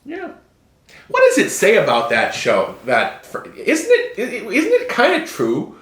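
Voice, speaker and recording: A man in casual podcast chat, circling his points and restarting sentences as he thinks aloud. His voice sits a little high and rings in a roomy, echoey space. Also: wildly swooping pitch, a little slow, a bit bright. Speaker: podcast co-host. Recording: roomy echo.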